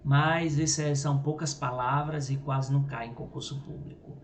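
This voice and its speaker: A Brazilian man with a Brazilian Portuguese accent teaches a grammar lesson, explaining it step by step and checking in with "right?" and "ok?". His medium-pitched voice is steady and moderately paced. The room is echoey, with faint noise.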